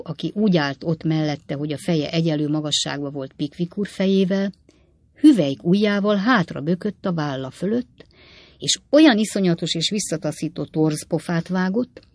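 A woman narrating a classic novel as an audiobook in a measured, even storytelling manner. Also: sits low, dry recording. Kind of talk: scripted narration.

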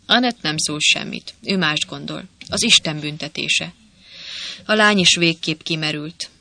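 An audiobook narrator reading a novel in a steady, measured storytelling manner. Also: mid-range voice, creaky. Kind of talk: scripted narration.

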